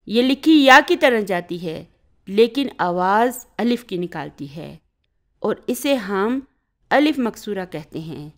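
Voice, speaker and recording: A woman's voice: mid-range voice, animated. A woman teaching Arabic grammar in Urdu. She explains step by step and often checks that the listener has followed. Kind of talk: grammar lesson.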